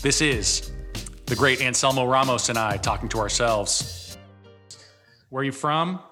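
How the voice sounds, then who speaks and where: A man's voice: medium pitch, unhurried, pushed and bright, soft background music. A man hosting a podcast, reading an upbeat intro with casual slang and interviewing a guest. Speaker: podcast host.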